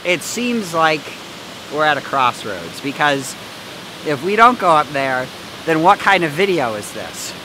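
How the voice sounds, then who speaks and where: Recorded on a camera mic on a wooded hillside, a young man hosts an exploring vlog, joking and playing up mock drama as he rambles through the woods, with voice-over narration. His slightly high voice swings widely in pitch at an unhurried pace, against a noisy background.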